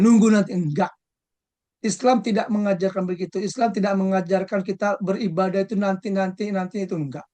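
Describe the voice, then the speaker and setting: An Islamic religious teacher giving a conversational study talk, full of rhetorical and tag questions and soft chuckles between points. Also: mid-range voice.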